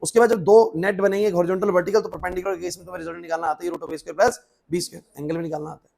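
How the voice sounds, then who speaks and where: A man's voice: high-pitched, fairly even intonation, fast talker, vocal fry, a little mellow. A male physics teacher lecturing a class, quizzing students by name and repeating his questions. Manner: repetitive questions, urging focus.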